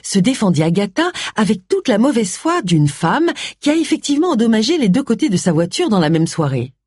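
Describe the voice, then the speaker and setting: A woman narrating a mystery novel audiobook with expressive storytelling. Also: mid-range voice, brisk, husky, no room sound, clean studio sound.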